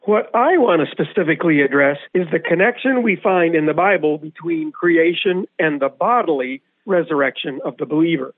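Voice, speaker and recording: A man's voice: fairly high pitch, normal speed, few pauses, dry recording. Methodical male radio Bible teacher, tinny. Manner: methodical, explanatory, poses questions to co-host. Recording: tinny, phone-like radio audio.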